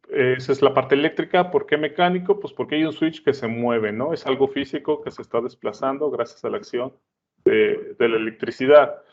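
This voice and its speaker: A man explaining a lesson at a board, chatty, often checking in with his listeners. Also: mid-range voice. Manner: conversational, checks in with "¿sale?" and "¿no?". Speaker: teacher. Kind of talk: explaining at a whiteboard. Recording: dull lo-fi sound.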